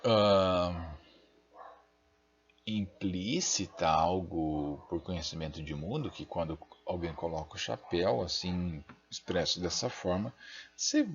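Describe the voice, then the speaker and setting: A man's voice: low voice, muffled recording. A Brazilian man giving a recorded linguistics lecture, thinking aloud and checking in with frequent tag questions. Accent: Brazilian Portuguese. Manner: self-deprecating asides while using the mouse.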